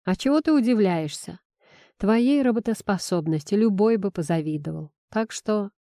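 A woman's voice: mid-range voice, moderate pace, dark tone, no echo, close to an everyday voice. A woman voicing a stern but fond middle-aged male boss who talks in a dry, teasing way and sighs a lot.

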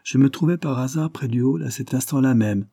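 A man voicing a proud young gentleman who is accused of a crime and answers in a calm, measured way, in an audiobook reading. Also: medium pitch, gravelly, husky, no echo, clean studio sound, pitched above the performer's own voice.

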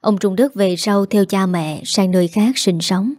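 A woman narrating a scripted story in a calm, steady way. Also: mid-range voice, unhurried, dry recording, studio quality.

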